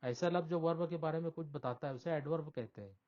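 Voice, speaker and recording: A male English teacher with a fairly high voice. He reads each question slowly, then patiently explains it. The recording is dull and lo-fi. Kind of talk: bilingual classroom explanation. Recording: dull lo-fi sound.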